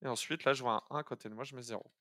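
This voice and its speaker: A man walks viewers through an algorithm on a live coding stream. He talks casually, stops and restarts his sentences, fills gaps with hesitations and thinks out loud as he goes. His voice sits in a middle pitch and sounds dry and close to the mic. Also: steady tone, rapid-fire, no echo. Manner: chatty and hesitant, many fillers and restarts, thinks aloud.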